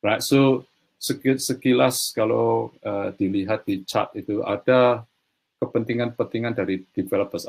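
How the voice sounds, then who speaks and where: A middle-aged man presents a conference keynote over a video call from a small indoor room. His voice sits very low and carries a gravelly fry with a husky, breathy edge. He speaks haltingly, restarting words and leaning on "right, so" again and again. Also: a little mellow. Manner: peppers talk with "right, so"; hesitant, many restarts and "eh". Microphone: video call webcam.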